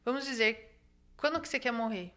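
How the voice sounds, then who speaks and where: A young adult woman from Brazil with a Brazilian Portuguese accent, hosting a casual livestream and talking with her mother in a lively, chatty way. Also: a little high, brisk.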